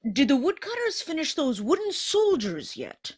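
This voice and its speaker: A performer playing a jolly, chuckling old Santa Claus in a live reading of an old-time radio play. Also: female voice, sits high, wildly swooping pitch, moderate pace, heavy background noise.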